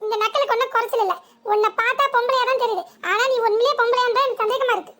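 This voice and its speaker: A woman voicing a sharp-tongued young village wife in a comic cartoon, with a southern Tamil village accent and a scolding, sarcastic manner. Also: very high voice, racing. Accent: southern Tamil village dialect. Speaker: cartoon character.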